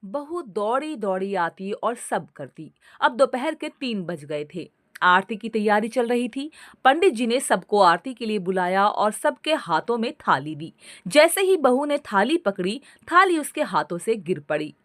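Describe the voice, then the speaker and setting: A woman narrating a family story in scripted, slow storytelling. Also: medium pitch, big pitch swings, dry recording, clean studio sound.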